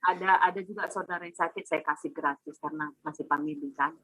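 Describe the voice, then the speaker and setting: A woman giving a casual, animated testimony over a video call, acting out her family's dialogue as she tells it. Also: low voice, quick pace, breathy edge, rough recording. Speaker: testimonial speaker.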